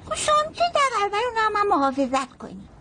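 A woman's voice: very high voice, wildly swooping pitch, bright, forceful tone, a little hiss or hum, full character voice, rough recording. A woman voicing a small child in a dubbed drama, bossy and demanding. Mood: scolding. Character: small child who fancies itself guarded by agents.

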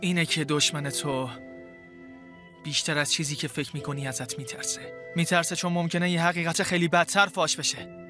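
A man's voice: a little high, level tone, natural voice. An actor playing a caring, protective young man who earnestly persuades his friend in a dubbed drama. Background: background music.

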